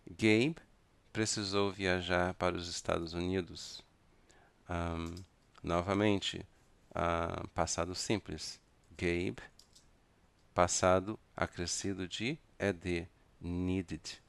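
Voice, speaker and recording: A man with a Brazilian Portuguese accent teaching an English grammar lesson, speaking deliberately and spelling words out letter by letter. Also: sits low, fairly even intonation, gravelly, a bit bright, clean tone, dry recording.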